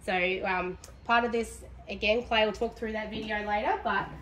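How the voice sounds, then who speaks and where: A woman's voice: medium pitch, fairly even intonation, moderate pace, a bit bright, distant mic. A middle-aged woman with an Australian accent guiding a walking tour through a house, speaking enthusiastically. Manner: enthusiastic, gushing. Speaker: prize home tour guide. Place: large furnished house indoors. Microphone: handheld camera following her. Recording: roomy echo, off-mic at times, noisy.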